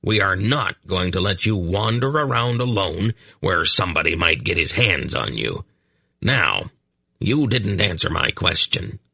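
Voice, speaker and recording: A man's voice: low voice, big pitch swings, a little slow, creaky, sharp tone, breathy edge, no room sound, full character voice. A man voicing a grumpy hunchbacked old male sorcerer in an audiobook, growling and blunt. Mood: scornful. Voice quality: growling, irascible.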